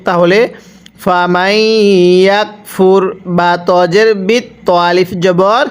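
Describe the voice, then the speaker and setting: A man with a Bangladeshi Bengali accent, teaching Quran reading by spelling out letters and reciting drawn-out words for learners to repeat. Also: high-pitched, fairly even intonation, clear, resonant tone.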